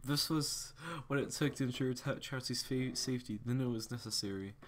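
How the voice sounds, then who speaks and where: Speaking briskly in a mid-range voice, a young guy casually reads some fan fiction out loud. He keeps stumbling, fixing his mistakes, and tossing in little chuckling asides.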